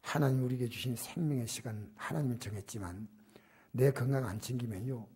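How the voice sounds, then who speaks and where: An older man preaching a sermon as pastor in a church, swinging between loud emphatic exhortation and soft, almost whispered asides. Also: medium pitch, brisk, breathy edge. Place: church sanctuary.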